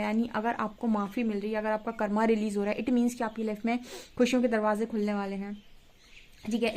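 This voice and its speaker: A young woman with a slightly high voice gives a relaxed spiritual tarot reading straight to her viewers. She talks in a chatty, repetitive way, keeps checking in with "ठीक है", and slips English words into her Hindi. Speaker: tarot reader.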